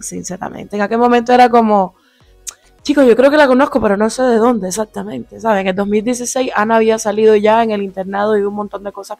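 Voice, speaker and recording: A young woman from Cuba with a Cuban Spanish accent, slightly hoarse, chatting animatedly through a storytime vlog into a small handheld mic in a small home room. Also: medium pitch, no echo. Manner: chatty, animated, lots of fillers and asides. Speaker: vlogger. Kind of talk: casual storytime. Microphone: handheld lavalier mic near mouth.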